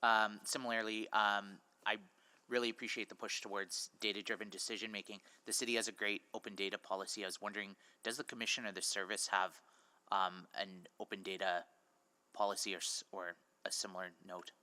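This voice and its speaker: A man city councillor asking halting questions with many pauses at a council meeting in a council chamber. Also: on the low side, little pitch movement, bright, forceful tone, clean tone.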